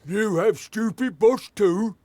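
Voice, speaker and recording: An actor playing a dim-witted male troll worker who speaks in broken grammar, slow and simple. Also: sits high, a little mellow, no echo. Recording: game audio with faint music.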